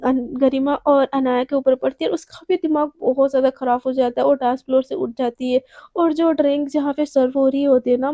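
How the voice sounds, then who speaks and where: High-voiced woman telling a story. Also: no echo. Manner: animated, with frequent restarts. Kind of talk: casual spoken storytelling.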